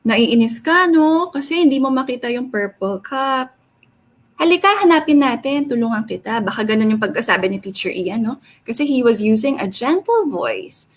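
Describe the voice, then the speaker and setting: Woman, young, high bright voice, animated kids' story reader who quizzes her listeners. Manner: expressive, sing-song, asks children questions. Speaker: storyteller reading to children. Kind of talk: animated read-aloud storytelling for kids.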